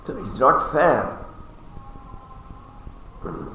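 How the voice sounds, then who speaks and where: A man's voice: medium pitch, sing-song, drawn-out words, pushed and bright, muffled recording. A man, chanting Sanskrit verses and explaining them in a religious discourse with touches of humor. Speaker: religious teacher. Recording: very echoey hall, faint background noise.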